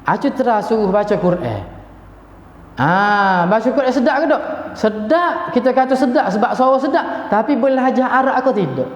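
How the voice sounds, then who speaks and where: A man's voice: very high voice, animated, moderate pace. A man with a Kelantanese Malay accent teaching a Quran class in a chatty way and chanting short passages to show how they are recited. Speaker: religious teacher. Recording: echoey hall, dull lo-fi sound.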